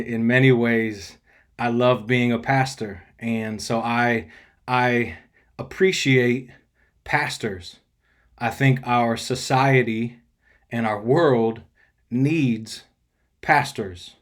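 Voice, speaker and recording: A man, a pastor, sharing thoughts in a casual video message, slightly out of breath and earnest, talking in a halting way with many fillers. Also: mid-range voice, fairly even intonation.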